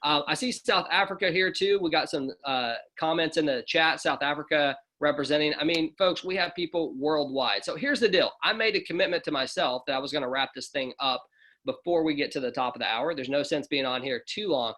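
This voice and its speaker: A man hosting an online promotional call, energetic and hyping up the audience. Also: a little high, fairly quick. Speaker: host of an online overview call.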